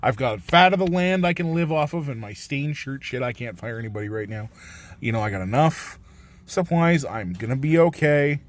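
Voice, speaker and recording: A man's voice: medium pitch, animated, moderate pace. A man talking earnestly to camera in a casual vlog, rambling and swearing a little as he reassures viewers. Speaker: vlogger.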